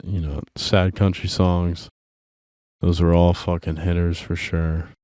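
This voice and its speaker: Tired young guy rambling about songs, swears a lot, slow and dry sounding. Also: deep voice, little pitch movement, darkish tone, no room sound. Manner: profane, laid-back rambling. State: tired and drinking. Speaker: host. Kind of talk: casual solo music commentary.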